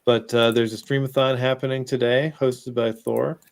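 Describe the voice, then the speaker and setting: Gravelly-voiced man hosting a live show. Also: mid-range voice, normal speed. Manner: relaxed, chatty, reads news items aloud. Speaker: host. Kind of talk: casual crypto news live stream.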